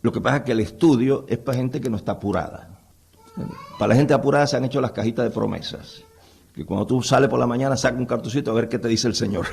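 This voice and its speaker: A man's voice: mid-range voice, gravelly, a little mellow, slightly rough. A man lecturing on the Bible to a live audience in a conversational way, often putting rhetorical questions to his listeners.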